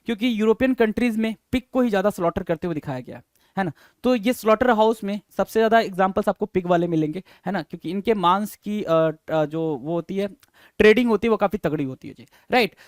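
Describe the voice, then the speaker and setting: A man's voice: sits high, quick pace, no room sound, studio quality. A man teaching exam vocabulary, spelling words letter by letter and asking rhetorical questions in a repetitive, coaxing way. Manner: repetitive, coaxing, addresses listeners as sir and bhai. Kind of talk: exam-prep vocabulary lesson.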